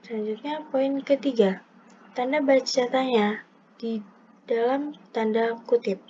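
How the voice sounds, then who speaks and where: Young woman, warm voice, scripted lesson reading, point by point, muffled recording. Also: on the high side, measured pace, slight background noise. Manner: methodical, numbering each point in turn. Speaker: presenter explaining punctuation. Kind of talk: scripted lesson read aloud. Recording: dull lo-fi recording.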